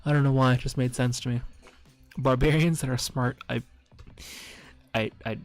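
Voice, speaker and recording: A man's voice: medium pitch, fairly even intonation, normal speed. A man streaming as a dungeon master, chatting casually and rambling with frequent laughs and self-mocking asides. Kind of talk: casual stream chat reviewing memes. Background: faint background music.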